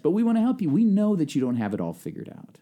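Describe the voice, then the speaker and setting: A man, a pastor co-hosting a podcast, talking in a lively, conversational way with frequent restarts. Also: high voice, fast. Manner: lively, talkative, restarts and acts out quotes. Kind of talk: casual podcast chat.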